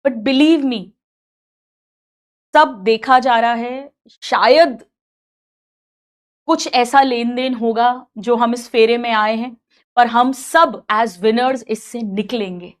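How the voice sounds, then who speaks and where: A middle-aged woman with a high voice gives a motivational talk to her students. She sounds motherly and caring, and she stresses points by repeating them. She slips English phrases into what she says. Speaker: coaching teacher.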